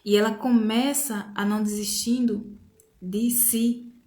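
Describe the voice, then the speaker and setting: A woman giving an emotional devotional testimony, talking softly and haltingly with many pauses. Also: on the high side, fairly even intonation. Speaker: women's devotional speaker. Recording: echoey room.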